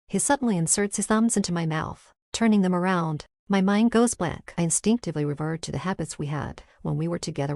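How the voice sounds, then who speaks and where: A woman's voice: lowish voice, creaky, darkish tone, no echo, studio quality. A woman narrating a first-person romance story in a wry, irritated tone.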